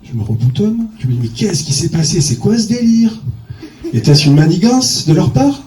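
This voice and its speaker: A male stand-up comedian telling a bawdy story in a high, dark-toned voice that leaps all over the place. His punchy lines echo through a roomy venue, picked up from a distance. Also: sing-song, moderate pace, a little hiss or hum. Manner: bawdy, punchy delivery with sudden voice jumps. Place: comedy stage.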